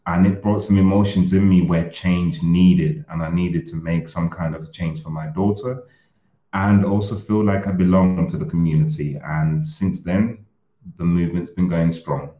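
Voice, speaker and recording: A man from Uganda talks earnestly and reflectively on a podcast. His voice is very low, dark and mellow, and the room echoes noticeably around him. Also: steady tone, moderate pace. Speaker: podcast guest. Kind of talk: casual personal discussion.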